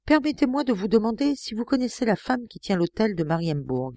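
A woman's voice: on the high side, very animated, a little fast, dark tone, no room sound, pitched above the performer's own voice. A woman reading an audiobook, voicing a young male police detective who asks pressing, urgent questions.

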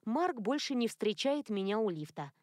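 A woman's voice: on the high side, big pitch swings, normal speed, a little mellow, no echo. Woman narrating an audiobook, dry sound. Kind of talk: first-person audiobook narration.

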